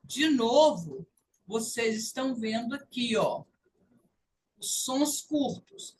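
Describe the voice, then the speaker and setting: A woman's voice: a little high, animated, takes it slowly, darkish tone, far from the mic, a little hiss or hum, poor audio. A woman with a Brazilian Portuguese accent, teaching a lesson and patiently repeating sounds to demonstrate them. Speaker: language teacher. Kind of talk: online English lesson.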